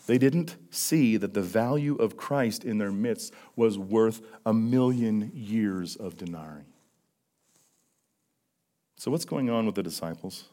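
A man preaching a sermon as pastor, swinging between loud emphasis and hushed questions, with many rhetorical questions. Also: lowish voice. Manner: repetitive rhetorical questions, frequent "right?".

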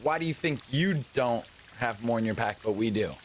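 A man's voice: medium pitch, lively intonation, moderate pace, slight background noise. A man playing a tabletop game, upbeat and encouraging, giving little pep talks in casual banter. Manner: upbeat, pep-talk cheerleading. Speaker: tabletop player.

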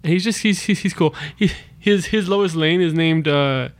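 Giggly man in casual chat, slightly high voice. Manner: giggly, halting, excited retelling. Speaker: podcast co-host. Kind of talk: casual chat about comic books.

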